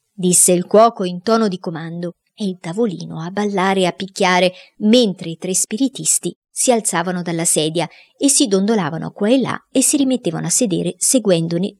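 A woman narrating a storybook with a steady, expressive delivery. Her voice sits a little low for a woman. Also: normal speed, vocal fry, few pauses. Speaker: audiobook narrator. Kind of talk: storybook reading.

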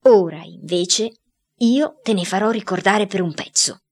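A woman doing a gruff, menacing father. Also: on the low side, very animated, slow pace, heavily acted. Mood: threatening. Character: angry stern father shouting at his son.

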